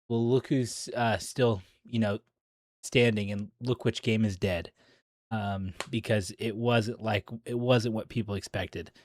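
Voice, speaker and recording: Excitable man reacting to a trailer. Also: on the low side, no echo, clean studio sound. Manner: chatty and excitable, frequent ums. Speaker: online video creator. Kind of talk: casual reaction commentary.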